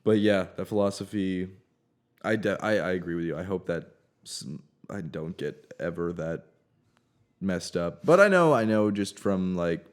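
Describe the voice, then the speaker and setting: A man's voice: deep voice, measured pace, smooth. A young man in college, co-hosting a casual podcast chat, telling stories with frequent laughs. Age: young adult. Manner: laughs often, animated storytelling. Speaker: podcast co-host.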